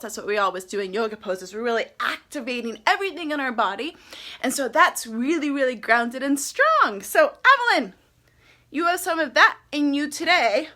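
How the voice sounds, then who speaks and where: A woman's voice: fairly high pitch, a bit bright. A woman teaching a live online yoga class for children, playful and encouraging, sometimes breaking into sing-song chants.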